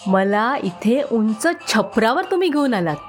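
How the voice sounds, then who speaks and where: A woman's voice: fairly high pitch, big pitch swings, unhurried, faint music behind. A woman voicing a sly, fat trickster frog who giggles and teases, in a children's storybook tale. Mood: teasing. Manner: cheeky, giggling, teasing.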